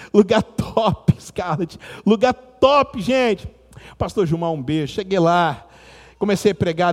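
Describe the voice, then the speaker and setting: A man from Brazil preaching a fiery sermon as pastor, calling out to the congregation for responses and shouts. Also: on the high side, in a large hall. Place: church sanctuary.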